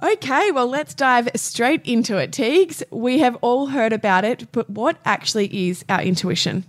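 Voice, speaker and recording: A woman's voice: fairly high pitch, expressive, normal speed. A young adult woman speaking as a podcast host, moving between scripted presenting and casual chat.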